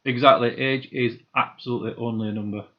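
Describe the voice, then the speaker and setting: A man in his fifties talks easily through a live-stream build, half to himself and half to his viewers. His voice sits at an ordinary middle pitch. The sound is a little dull and lo-fi. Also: steady tone, fast talker. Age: 50s. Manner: chatty, muttering to himself, reading out viewer comments. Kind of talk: casual live-stream chat while building.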